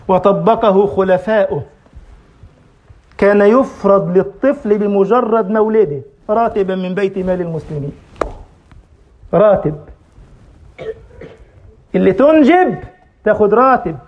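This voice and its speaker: A man's voice: high-pitched, lo-fi sound, slight background noise. A man preaching a sermon and telling stories, impassioned, with his voice rising into cries at the refrains. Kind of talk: sermon storytelling.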